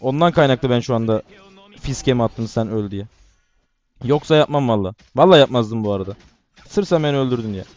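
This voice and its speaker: A man giving casual, excitable commentary while playing a mobile game, talking to his teammates and to viewers. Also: medium pitch, fairly quick, dull audio. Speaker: gaming YouTuber.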